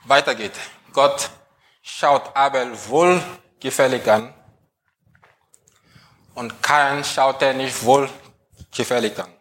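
Male preacher, measured delivery, asks the congregation pointed questions. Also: medium pitch, a bit bright. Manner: slow, emphatic questions to the congregation. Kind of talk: sermon.

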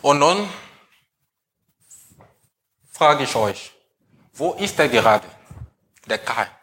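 A man preaching a sermon, putting slow, emphatic questions to the congregation. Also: medium pitch, expressive, fairly bright tone, slight background noise.

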